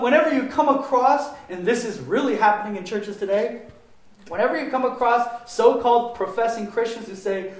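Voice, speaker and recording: A man preaching a sermon with passion, his voice swinging between loud emphatic stretches and quieter ones. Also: sits high. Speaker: pastor. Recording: very echoey room.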